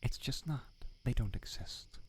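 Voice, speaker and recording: An ASMR voice actor plays a prickly, irritable village swordsmith in whispered, sarcastic roleplay, lecturing with exasperated scolding. He speaks a little slowly in a natural, slightly mellow voice, with slight background noise.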